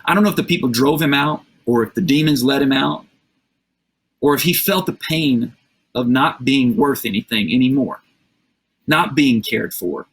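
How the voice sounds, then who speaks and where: A man's voice: mid-range voice, normal speed, breathy edge. A man preaching a streamed sermon, retelling a scripture story conversationally with vivid asides and rhetorical questions. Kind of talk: livestreamed sermon.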